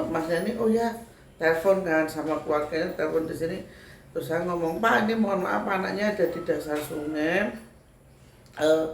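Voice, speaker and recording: A chatty woman with a Javanese accent tells her viewers a story the way a spiritual medium would, circling back with little filler tags. Her voice has a gravelly edge. She is recorded in an echoey room with faint ambience behind her. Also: fairly low pitch, a little hiss or hum. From Sragen, Central Java, Indonesia.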